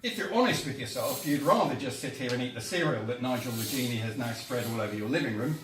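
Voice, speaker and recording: A man's voice: mid-range voice, expressive, quick pace. A man reading a choose-your-own-adventure story aloud with playful emphasis, recorded from a distance in a roomy space with faint music. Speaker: volunteer reader.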